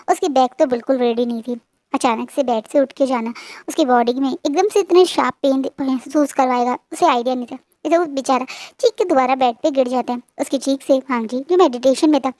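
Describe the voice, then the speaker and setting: A woman's voice: high voice, darkish tone, no room sound. A woman casually retelling a fan-fiction story in a chatty, hesitant way with frequent fillers.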